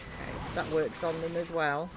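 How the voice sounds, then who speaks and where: A woman's voice: sits low, little pitch movement, moderate pace, over loud music. A woman giving casual commentary as she plays a video game. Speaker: gamer playing and commenting.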